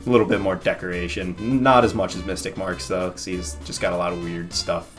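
Game master, male: low voice, casual improvised narration, faint music underneath. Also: level tone, brisk, fairly bright tone.

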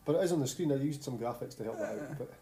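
A man's voice: medium pitch, lively intonation, very fast, warm tone. A man with a Scottish accent co-hosting a podcast in a casual, bantering chat about sport. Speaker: podcast co-host.

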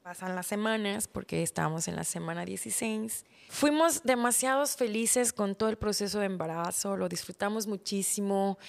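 A woman in her thirties hosting a podcast, telling a personal story, acting out remembered dialogue, then growing quiet and soft. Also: mid-range voice. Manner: animated, acts out dialogue, trails off softly when recalling illness. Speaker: podcast host.

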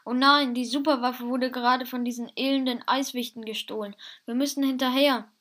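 A woman's voice: high-pitched, steady tone, brisk, a bit bright. A woman voicing an alarmed lion with a fiery mane calling out to others.

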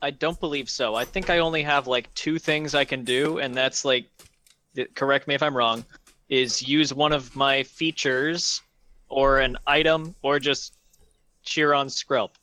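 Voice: medium pitch, fairly even intonation, unhurried, bright, forceful tone. A player at a tabletop game who is new to the game and talks in a dry, sarcastic way. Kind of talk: casual tabletop play.

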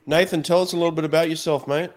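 This man talks at a racing pace, his pitch fairly high and his intonation fairly even. He hosts a casual live stream, chatting with callers in a laid-back, upbeat manner and calling them champ and mate.

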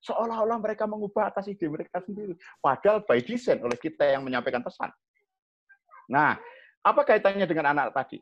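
A man with a Javanese accent talks to young people in a relaxed, lively way. His voice is fairly high and swings widely as he acts out little scenes. The recording sounds dull and lo-fi. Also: fast talker. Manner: animated, acts out examples with sharp raised-voice quotes. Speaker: communication coach. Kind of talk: explaining to young people in a chat.

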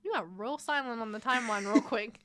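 Young woman co-host, high, sharp and bright, casual and profane. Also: brisk, a little hiss or hum. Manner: loud, animated, swearing, bursts of laughter. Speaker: podcast co-host. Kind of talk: casual chat.

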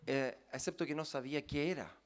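A man's voice: on the high side, brisk. A man interpreting a sermon live, following each phrase closely with occasional fillers.

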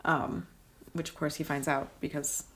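A woman's voice: deep voice, flat delivery, moderate pace, a bit bright, a little hiss or hum. A woman co-hosting a casual film discussion, chatty and filler-heavy, often checking in with "right?". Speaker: podcast co-host.

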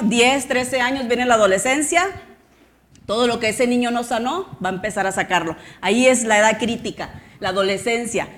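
A woman pastor preaching a sermon with passion, acting out the voices of shouting parents. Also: fairly high pitch. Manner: impassioned preaching with acted-out quotes of shouting parents.

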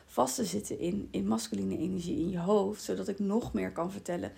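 A woman hosting a reflective spiritual podcast, calm and soft-spoken, often quoting her own inner voice and pausing on fillers. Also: medium pitch, gravelly. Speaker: podcast host and women's circle coach.

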